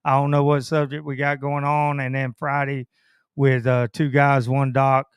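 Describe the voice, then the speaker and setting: A man's voice: mid-range voice, completely flat delivery, normal speed, clear, resonant tone, dry recording. A man hosting a podcast with a Southern country accent, talking in a laid-back, rambling way with many fillers. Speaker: podcast host. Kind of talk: casual chat.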